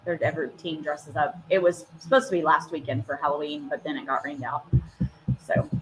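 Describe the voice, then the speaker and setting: A woman's voice: low-pitched, steady tone, brisk, heavy background noise. A woman, co-hosting a casual morning radio chat, giggly and self-deprecating. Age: 30s. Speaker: radio show co-host.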